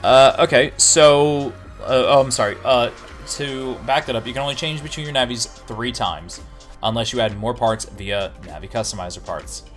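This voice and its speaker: An animated man chatting on a casual gaming podcast. His pitch sits in the middle for a man, and faint music plays underneath him. He talks fast and eagerly, with plenty of reactions. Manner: animated, jumps into quick game quotes. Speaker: podcast co-host.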